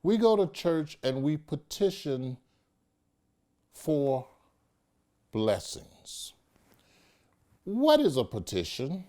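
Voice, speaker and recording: A man who is a judge talks to his audience in an emphatic, playful way, stretching his words out at a slow pace. His pitch swings widely as he breaks into casual asides and mock conversations. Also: sing-song, mellow. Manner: emphatic, playful, lapses into informal speech and mock dialogue. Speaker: judge hosting a legal vodcast. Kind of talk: animated explanatory talk.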